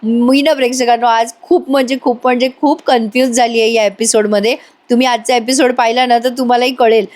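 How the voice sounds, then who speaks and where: Woman, TV serial recap voice-over, chatty, exclamatory, talks to viewers, fairly high voice. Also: fairly even intonation, brisk, darkish tone. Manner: chatty, addresses viewers directly, exclaims often. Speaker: TV serial reviewer.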